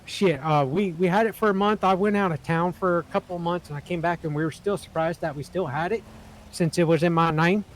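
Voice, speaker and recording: A man with a fairly high voice talks loosely in character during an online roleplay. He rambles and swears lightly, with faint background hiss. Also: fairly even intonation, fairly quick, poor audio. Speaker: roleplay player.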